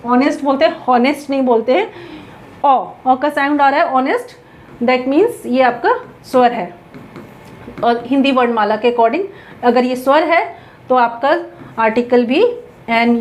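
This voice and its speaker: A woman's voice: sits high, measured pace, a little hiss or hum. A woman teaching English grammar in Hindi mixed with English, asking questions and answering them herself as she writes on a board.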